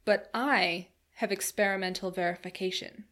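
A woman voicing a calm, earnest Victorian male inventor explaining his ideas. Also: mid-range voice, normal speed, natural voice. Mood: reasoning.

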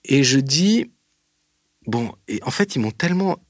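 A man telling a lively anecdote in an interview, with lots of hesitations, speaking straight to his listener. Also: mid-range voice, measured pace, dry recording, clean studio sound. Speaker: interview guest. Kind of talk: casual storytelling.

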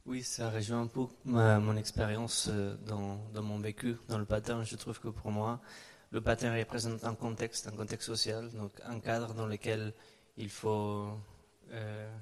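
A low-voiced man in talks in a reverberant hall. His delivery is very flat, and he often halts and repeats words as he looks for the right one. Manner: halting, searching for words, repeating himself. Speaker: dance performer and creator. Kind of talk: panel talk, answering in an audience discussion.

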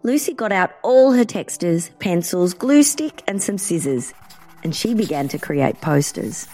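A woman narrating a children's story in an expressive, dramatic way. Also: lowish voice, unhurried, soft background music.

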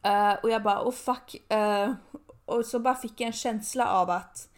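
A woman's voice: medium pitch, steady tone. A young woman co-hosting a podcast, telling a story in casual chat, chatty and swearing freely. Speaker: podcast co-host.

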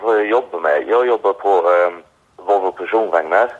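A middle-aged man from England with an English accent, a caller on speakerphone, answering hesitantly with many fillers. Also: deep voice. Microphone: phone on speaker. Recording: muffled phone on speakerphone.

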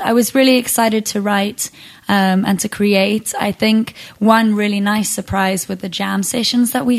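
A young singer-songwriter from Zimbabwe talks casually in an interview, her medium-pitched voice thoughtful and full of ums and restarts.

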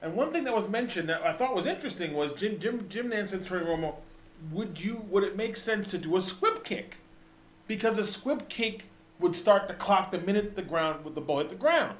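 A man with a high voice co-hosts a sports talk show, rambling through his points and restarting his sentences. He sounds like he is in an echoey room. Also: lively intonation, fairly quick, slight background noise. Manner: rambling, many restarts and fillers. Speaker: podcast co-host.

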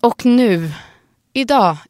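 A woman co-hosting a podcast in casual chat, quick to joke and chime in. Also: a little high, animated, a little mellow, no room sound. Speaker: podcast co-host.

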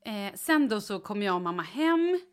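A woman in casual podcast chat, telling a personal story with lively acted-out quotes. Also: clear, resonant tone. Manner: animated storyteller, acts out quotes in high excited voice.

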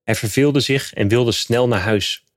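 A man's voice: medium pitch, no room sound, studio quality. Man reading a nonfiction narration. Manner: steady, measured reading. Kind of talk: scripted narration.

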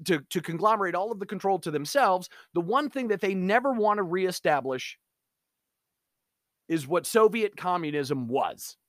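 A man's voice: fairly high pitch, no room sound, clean studio sound. A man delivering an emphatic, opinionated commentary monologue.

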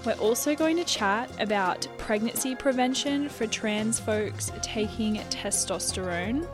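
A woman's voice: a little high, lively intonation, unhurried, over music. An Australian woman hosting a podcast in a casual, effusive, giggly way with plenty of swearing. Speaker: podcast host. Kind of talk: casual chat.

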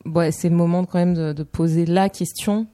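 A woman's voice: on the low side, fairly even intonation, moderate pace, warm tone. Playful woman co-hosting radio. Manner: playful, joking. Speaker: radio co-host. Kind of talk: casual radio chat. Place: radio studio.

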